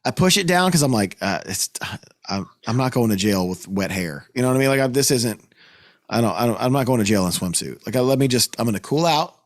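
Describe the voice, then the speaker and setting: A man's voice: medium pitch, fast talker. A man, a podcast host, telling a story in a casual chat, swearing often and raising his voice when worked up. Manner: animated, profane, voice climbs when worked up.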